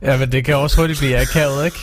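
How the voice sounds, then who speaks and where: A man's voice: mid-range voice, steady tone. A male radio co-host in casual chat who keeps the show moving along on schedule.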